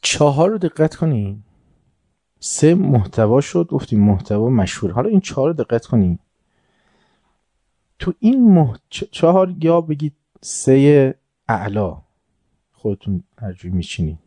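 A man giving a religious lecture to a seated audience. He tells stories with quoted dialogue and recited Arabic, swinging from soft asides to emphatic points. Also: mid-range voice, big pitch swings, long pauses, dry recording. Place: room before a seated audience.

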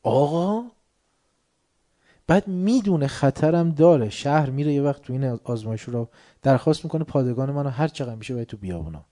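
A man giving a religious lecture, swinging between soft asides and loud, heated outbursts. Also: mid-range voice, animated. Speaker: preacher.

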